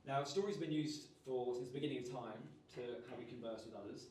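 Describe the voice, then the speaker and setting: A man, leading a lively public speaking workshop and raising and dropping his energy on purpose. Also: medium pitch, fast, a little hiss or hum. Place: large room at a live workshop. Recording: roomy sound, voice from far off.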